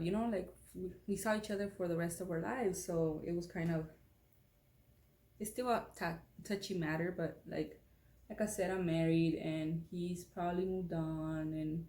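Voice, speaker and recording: Young woman vlogger rambling through a storytime, low mellow voice, roomy echo. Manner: rambling, candid storytelling with many fillers. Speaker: beauty vlogger. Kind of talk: casual storytime vlog. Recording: echoey room.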